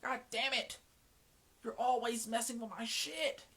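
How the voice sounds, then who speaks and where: A man with a Southern twang voicing a furious troll father who yells and curses in a high, strained voice. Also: fairly even intonation, unhurried, full character voice. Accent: Southern US with a Mississippi twang. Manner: yelling, cursing, high strained voice. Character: furious male internet troll, a bullying father.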